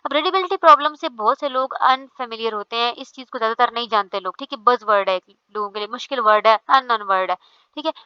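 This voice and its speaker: Woman lecturer, slightly high voice, explains step by step. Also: fast talker, sharp tone, smooth, dry recording, muffled recording. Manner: explains step by step, often says "theek hai".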